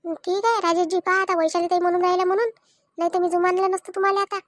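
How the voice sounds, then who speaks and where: A woman's voice: extremely high pitch, flat delivery, rapid-fire, dry recording, clean studio sound. A woman voicing a tearful, stubborn young wife in a cartoon family drama, speaking with an insistent, complaining manner. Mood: stern.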